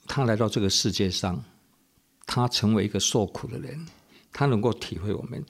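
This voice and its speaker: A man, a pastor and radio host, giving an earnest, measured sermon and repeating phrases for emphasis. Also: on the low side.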